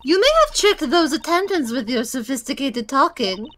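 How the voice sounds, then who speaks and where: A woman's voice: high voice, expressive, normal speed, fairly bright tone. A woman voicing an arrogant, cold young female prosecutor in a sleepy, drawling way. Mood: condescending.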